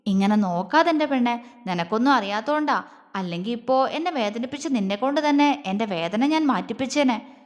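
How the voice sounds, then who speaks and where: A woman's voice: a little high, expressive, brisk, close to an everyday voice. Woman voicing a teasing tender young husband. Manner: soft coaxing, teasing. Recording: long reverb.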